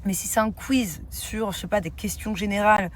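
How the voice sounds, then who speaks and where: Brief: woman in her 30s, chatty vlogger, rambling asides, mid-pitched voice, faint background noise. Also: fairly even intonation, moderate pace. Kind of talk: casual chat to camera.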